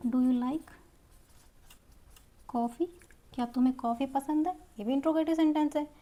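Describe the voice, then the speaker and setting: A woman's voice: high-pitched, a little slow, dark tone. A woman teaching English grammar in Hindi, explaining step by step and repeating each example in both languages. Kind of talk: Hindi-medium grammar lesson.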